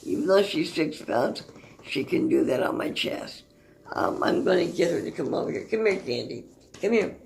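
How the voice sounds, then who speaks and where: A woman calmly explaining her service dog's tasks in casual talk, halting often with fillers and restarts. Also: low-pitched, vocal fry, reverberant, slight background noise. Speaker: service dog owner.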